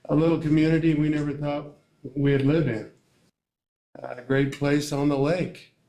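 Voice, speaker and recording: An older man speaking at a school board meeting, emotional and tearful, rambling with many pauses and fillers. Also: on the high side, flat delivery, dark tone. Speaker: parent addressing school board. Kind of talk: public comment at a meeting. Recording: echoey meeting room.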